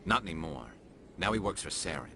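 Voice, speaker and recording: A man's voice: sits low, lively intonation, brisk, pushed and bright, a little hiss or hum, exaggerated voice. A man voicing a confident, determined alien police investigator in a video game.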